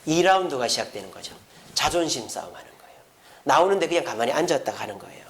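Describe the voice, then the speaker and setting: A man's voice: medium pitch, sing-song, quick pace, vocal fry. A man preaching a Sunday sermon as senior pastor, asking his congregation rhetorical questions and acting out their complaints in a raised voice.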